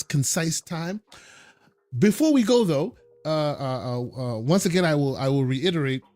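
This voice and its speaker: Higher-voiced man hosting, halting and repetitive. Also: no room sound. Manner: halting, often repeats words several times. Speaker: podcast host. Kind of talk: casual podcast sign-off chat.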